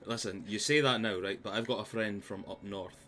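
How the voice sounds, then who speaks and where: On a live stream mic, a Scottish man running a tabletop game talks briskly in a low-ish voice with a sharp tone. He trades jokey banter and swears plenty before giving a recap of the game.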